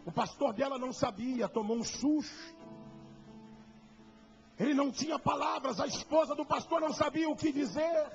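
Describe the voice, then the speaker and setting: A male pastor with a Carioca accent telling a story in an evangelistic church sermon, emphatic and bursting into shouts at the climaxes. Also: very high voice, dull audio. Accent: Carioca Portuguese. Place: church service.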